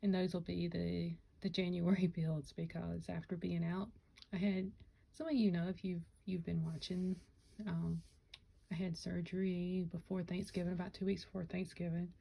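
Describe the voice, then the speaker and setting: A woman's voice: fairly low pitch, level tone, moderate pace, creaky, mellow, poor audio. A woman chatting casually to camera about her Lego builds, rambling and correcting herself, with hiccups. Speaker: Lego vlogger. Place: home Lego room.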